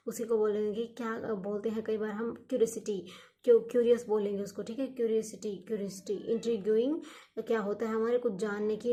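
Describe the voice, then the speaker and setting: Warm, patient woman teaching vocabulary. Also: on the high side. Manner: repeats each word and meaning many times, asks and answers her own questions; encouraging, urges students to study hard. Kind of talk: exam-prep vocabulary lesson.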